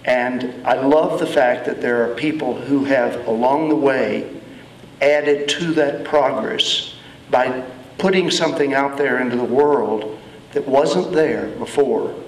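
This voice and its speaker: A man from Texas speaks slowly and reflectively to a festival crowd. His voice is picked up from a distance in a reverberant event hall, with a faint hum of ambience behind him. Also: medium pitch. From Austin, Texas. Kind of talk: speech to an audience. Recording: echoey hall from far off.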